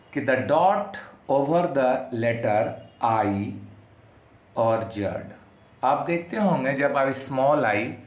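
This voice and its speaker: A man from Bihar with an Indian accent, teaching an English lesson and explaining slowly, with lots of repetition and tag questions. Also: mid-range voice, fairly bright tone. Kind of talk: classroom lesson. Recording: echoey room.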